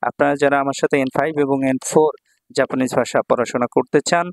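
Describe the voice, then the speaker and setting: A man's voice: mid-range voice, steady tone, quick pace, vocal fry, no room sound. A man from Bangladesh teaching a Japanese kanji lesson, patiently repeating each reading and meaning.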